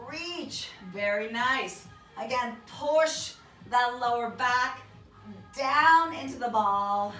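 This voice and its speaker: A woman's voice: high voice, bright, forceful tone. A middle-aged woman working as a fitness instructor, giving encouraging, short clipped cues and counts as she leads a workout. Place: small carpeted home exercise room, indoors. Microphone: camera across the room. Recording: echoey room, distant mic, background music.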